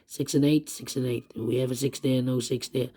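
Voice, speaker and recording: A man who has partly lost his voice, walking through a puzzle step by step in halting, repetitive short phrases. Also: mid-range voice, fairly even intonation, mellow. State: lost voice, strained and troubled. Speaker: puzzle tutorial host. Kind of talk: step-by-step puzzle walkthrough, thinking aloud.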